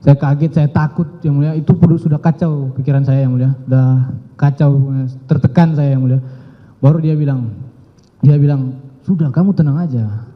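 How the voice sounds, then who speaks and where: A man giving halting, repetitive testimony as a trial witness, often addressing the judge. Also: a little high, steady tone. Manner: halting, repeats himself, keeps addressing the judge. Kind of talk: courtroom testimony. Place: courtroom. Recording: dull audio with long courtroom reverb.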